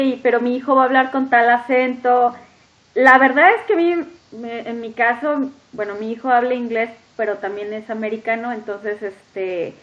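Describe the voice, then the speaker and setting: A woman hosting an interview, talking in a lively, emphatic way. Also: on the high side. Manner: talkative, lively, emphatic listing. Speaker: podcast host interviewing a guest. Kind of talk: casual interview chat. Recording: dull lo-fi audio.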